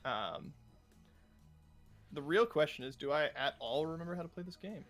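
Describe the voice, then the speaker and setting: A man's voice: fairly high pitch, expressive, normal speed, fairly bright tone, soft background music. A man chatting casually with a friend while they play a game, laid-back and often chuckling. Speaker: gaming guest. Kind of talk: casual gaming chat.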